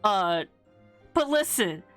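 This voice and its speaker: A woman's voice: medium pitch, big pitch swings, slow pace, a bit bright, faint music behind. A woman chatting casually on a livestream in a cute, playful anime-streamer manner, rambling and giggly. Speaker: VTuber streamer. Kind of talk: casual livestream chat with viewers.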